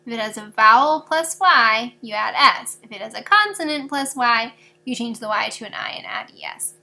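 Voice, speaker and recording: A woman with a high, bright, expressive voice leads a recorded video lesson for fourth graders at normal speed. She patiently goes through each rule with examples for every step, in a clear tone children can easily follow.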